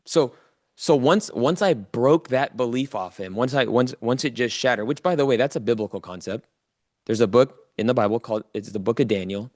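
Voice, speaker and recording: A man with a mid-range, slightly mellow voice delivers motivational coaching at a fairly quick pace to people watching live online. Informal and direct, he keeps repeating key phrases for emphasis, and the studio-quality audio has no room sound.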